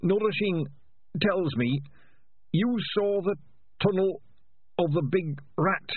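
A man voicing an exhausted, frail old rat leader in a storybook reading, pitched well above his usual voice. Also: takes it slowly, breathy edge, no room sound, phone-quality sound, full character voice. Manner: weak, breathless.

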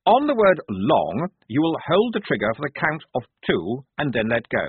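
Man putting on a prim high-pitched army lieutenant, high-strung, lively swings, tinny dry recording. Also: moderate pace, husky, dry recording, exaggerated voice. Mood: fussy, commanding. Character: pompous fussy young male army lieutenant. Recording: tinny phone-like dry sound.

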